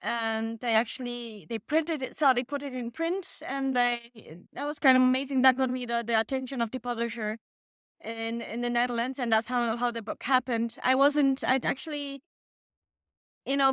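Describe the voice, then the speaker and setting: A woman's voice: a little high, fairly even intonation, fairly bright tone, clean tone, no room sound, clean studio sound. A woman in her thirties from Poland, a native Polish speaker, answering interview questions with frequent restarts. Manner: halting, many restarts. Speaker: author guest. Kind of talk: casual interview.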